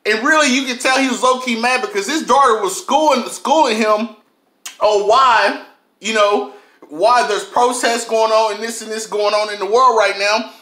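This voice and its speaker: High-pitched, bright-voiced man chatting casually. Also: normal speed. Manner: animated, slangy, punctuated with catchphrases. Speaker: host of an eating show. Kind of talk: casual mukbang chat to camera. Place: home kitchen, indoors. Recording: echoey kitchen room sound.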